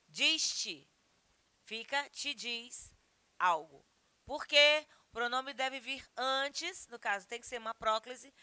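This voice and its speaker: A woman's voice: on the high side, sharp tone, smooth, dry recording. A woman with a Brazilian Portuguese accent teaching a grammar lesson, explaining patiently and asking and answering her own questions. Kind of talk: grammar lesson, correcting exercises.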